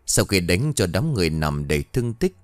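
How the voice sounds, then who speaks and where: A man narrating a folk horror story in a dramatic, expressive storytelling manner. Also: low-pitched, brisk, no room sound.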